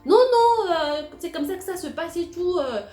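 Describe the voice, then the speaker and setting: A woman imitating a pushy female call-center scammer, with a high, insistent, condescending voice. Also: animated, moderate pace, dark tone, roomy sound, soft background music.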